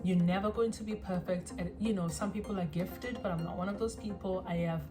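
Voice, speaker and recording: A woman in her twenties from South Africa, introducing herself to the camera in a rambling, self-conscious vlog with lots of ums and pauses, recorded on a phone. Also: on the low side, fairly even intonation, over music. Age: 20s. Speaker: vlogger.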